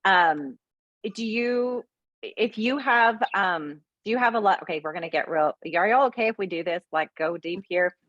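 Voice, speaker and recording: A woman's voice: mid-range voice, moderate pace, fairly bright tone, dry recording, muffled recording. A woman presenting products in a chatty, frank talk full of fillers. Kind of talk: casual sales talk.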